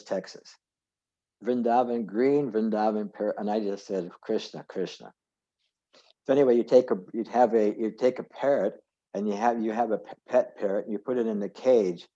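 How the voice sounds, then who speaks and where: A man with a low, mellow voice leads an informal scripture class. He wanders off on tangents and stops to correct himself. His voice comes over a muffled video call line. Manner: rambling, self-correcting, digressive. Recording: dull lo-fi video call audio.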